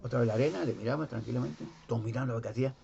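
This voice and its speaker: A man's voice: medium pitch, rapid-fire, gravelly, dark tone, muffled recording, a little hiss or hum. A man with a Spain Spanish accent retelling a gospel story in a rambling, repetitive, folksy way. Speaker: religious storyteller. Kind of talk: casual retelling of a Bible story.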